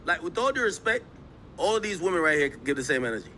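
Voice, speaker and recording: A man streaming live, commenting on clips and talking straight to his chat in an animated, emphatic way. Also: a little high, fast, slight background noise. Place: New York.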